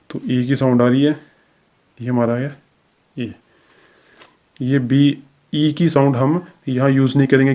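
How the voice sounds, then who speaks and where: A male shorthand teacher works through a recorded lesson in a steady, unhurried way, his middle-range pitch barely moving so his delivery stays even and level. Small fillers mark his pauses as he explains each step, and the sound is lo-fi.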